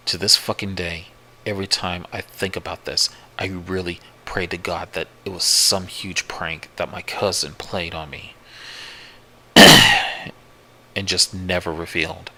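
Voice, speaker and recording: Slow deep-voiced man telling a scary tale. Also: pushed and bright, a little hiss or hum, rough recording. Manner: profane, slow, repetitive retelling. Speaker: horror story narrator. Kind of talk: first-person story narration.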